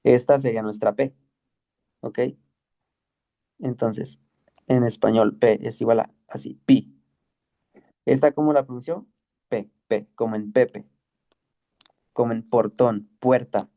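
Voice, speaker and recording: Patient male Greek teacher, dark voice. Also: mid-range voice, steady tone, vocal fry. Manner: patient, explains slowly with many checks like "¿ok?" and "¿sí?". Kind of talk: online class lesson.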